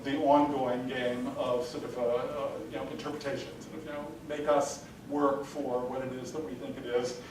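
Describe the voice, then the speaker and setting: A man's voice: little pitch movement, moderate pace, hardly any pauses. A man giving an adult-education lecture, rambling and full of "sort of, you know" fillers. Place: lecture hall. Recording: distant mic in a very echoey room with faint rumble.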